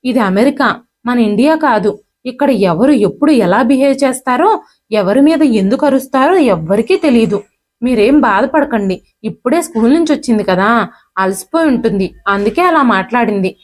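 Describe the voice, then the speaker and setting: Kind soothing housemaid in a storybook, read by a woman, a bit high-pitched. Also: lively intonation, moderate pace, a little mellow. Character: kindly middle-aged housemaid, soothing.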